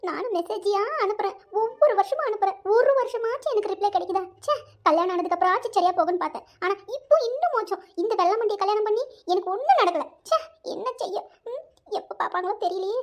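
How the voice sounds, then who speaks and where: A woman's voice: very high-pitched, lively intonation, fast. A woman voicing a sulky young married woman in a cartoon, sighing and self-pitying. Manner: whiny, self-pitying sighs. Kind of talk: cartoon voice acting.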